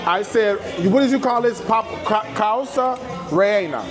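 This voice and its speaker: A man with a high-sitting voice hosts a food vlog in a busy restaurant, joking and competing playfully while switching between English and halting, broken Spanish. The echoey room is filled with crowd chatter and music.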